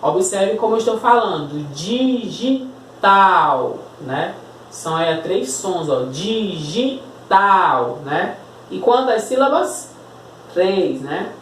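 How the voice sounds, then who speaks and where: A woman's voice: fairly low pitch, animated, a little slow, a little mellow, a little hiss or hum. A Brazilian woman teacher with a Brazilian Portuguese accent, giving a recorded lesson, patiently spelling out words and checking in with tag questions. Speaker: school teacher. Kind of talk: recorded remote class lesson. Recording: echoey room, voice a bit far from mic.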